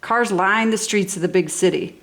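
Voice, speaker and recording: Her mid-range voice is a bit bright, and she keeps a moderate pace. Reading a children's tale aloud, this woman brings eager energy and dramatic stress to her storybook narration.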